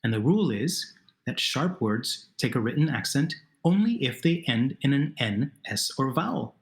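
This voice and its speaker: A man's voice: mid-range voice, big pitch swings, normal speed. A man narrating a video lesson as a Spanish teacher, posing questions to the learner and then patiently answering them himself.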